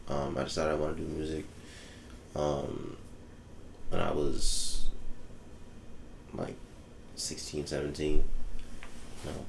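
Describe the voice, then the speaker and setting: Low-pitched and gravelly, this young man from the Bahamas talks in a relaxed way as a musician guest in a casual interview, peppering his speech with ums. Faint background noise and an echoey room surround him.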